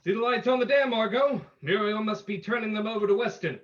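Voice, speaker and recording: A man's voice: high-pitched, brisk, fairly bright tone, a little hiss or hum. Man acting a theatrical radio vigilante detective, muffled audio, the Shadow. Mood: confident, explaining. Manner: theatrical, explanatory, dramatic. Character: the Shadow, suave, menacing male vigilante detective. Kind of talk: old-time radio drama acting.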